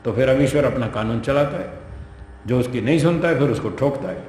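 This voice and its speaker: A man's voice: mid-range voice, expressive, a little fast, a little mellow. A man lecturing as a spiritual teacher, explaining a scripture to students in a conversational way and acting out dialogue as he goes. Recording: echoey hall with faint background noise.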